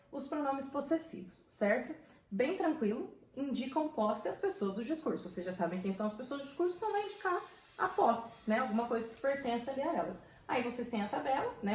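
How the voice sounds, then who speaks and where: A woman's voice: on the high side, expressive, a little fast, a little mellow, reverberant, slight background noise, poor audio. Chatty Brazilian woman teaching grammar. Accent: Brazilian Portuguese. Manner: chatty, checks in often with tag questions. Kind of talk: online grammar lesson.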